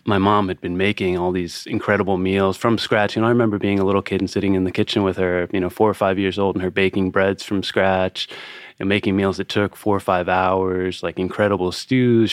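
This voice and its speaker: A man's voice: deep voice, level tone, brisk, dry recording, studio quality. A man from Northern Ireland, a guest on a podcast, telling stories in an easygoing, casual way. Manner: easygoing storyteller, many fillers. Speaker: guest, beverage director. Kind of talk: casual interview chat.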